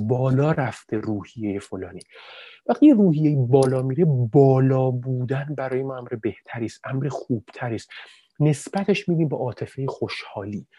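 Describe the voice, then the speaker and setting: Male lecturer, lively and direct with listeners, fillers and restarts; mellow timbre, dry recording. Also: medium pitch, no echo. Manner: animated, addresses listeners directly with many examples; frequent fillers and self-corrections. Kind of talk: explanatory talk on language and emotion.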